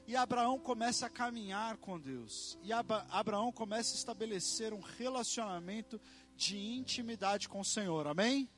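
A man's voice: high voice, normal speed, fairly bright tone, soft background music. A man preaching a sermon, emphatic and rhythmic, repeating phrases and calling out amen to the congregation.

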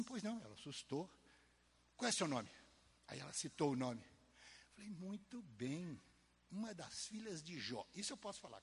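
Husky, animated man preaching in a hall. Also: sits high. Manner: animated storytelling, swinging from soft asides to loud emphasis. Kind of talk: testimony sermon. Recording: long hall reverb.

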